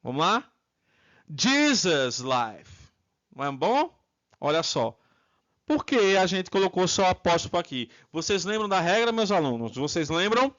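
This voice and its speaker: Homem com sotaque brasileiro, aula de inglês, gravação abafada de baixa fidelidade, tom didático repetitivo. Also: male voice, high-pitched, very animated, fairly bright tone, lo-fi sound. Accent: Brazilian Portuguese. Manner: drills students with repeated prompts and slow model phrases. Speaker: English teacher. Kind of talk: online English lesson.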